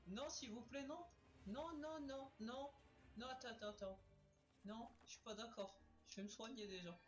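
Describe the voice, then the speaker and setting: Excitable male gamer on a webcam mic, high and bouncy, cursing at enemies over faint game music. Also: normal speed. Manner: excitable, exclaiming, swearing at enemies. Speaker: let's play gamer. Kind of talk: excited gameplay commentary. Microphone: webcam's built-in microphone.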